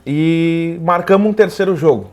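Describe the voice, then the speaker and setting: Animated man telling stories. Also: a little high, moderate pace. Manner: animated, acts out quoted dialogue. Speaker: guest, comedy video creator. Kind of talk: casual storytelling chat.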